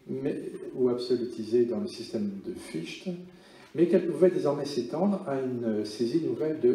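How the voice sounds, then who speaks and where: A man giving an academic lecture as a philosophy lecturer, in a halting delivery with pauses mid-phrase. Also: medium pitch, mellow. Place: conference room with strong reverberation. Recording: very echoey hall, muffled and distant.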